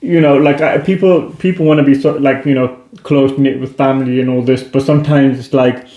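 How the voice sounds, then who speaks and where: A man's voice: medium pitch, fairly even intonation, fairly quick. A man co-hosting a vlog in casual conversation, earnest and often checking that the listener understands. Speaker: co-host of a couple's vlog. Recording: echoey room, slightly dull sound.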